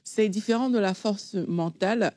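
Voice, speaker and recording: Mellow-voiced woman explaining faith. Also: mid-range voice, moderate pace, dry recording, clean studio sound. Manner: calm, explanatory, with fillers. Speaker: co-host.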